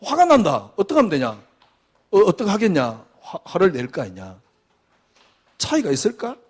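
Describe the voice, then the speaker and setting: A male pastor preaching a sermon emphatically, firing rhetorical questions and swinging between loud and hushed delivery. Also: high voice, huge pitch swings, moderate pace, breathy edge.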